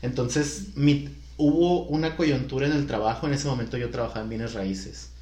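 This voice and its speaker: A man's voice: mid-range voice, normal speed, warm tone, reverberant. A man from Culiacán, chatting casually as a podcast co-host and explaining at length. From Culiacán, Mexico. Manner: chatty, explanatory, laughs easily. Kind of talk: casual chat.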